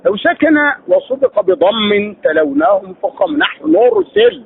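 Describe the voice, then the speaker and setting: Sheikh teaching, gravelly and lively. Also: male voice, extremely high pitch, moderate pace. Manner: asks questions then answers them himself; drills sounds by repeating syllables. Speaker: Quran recitation teacher. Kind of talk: tajweed lesson. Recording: tinny lo-fi phone-like recording.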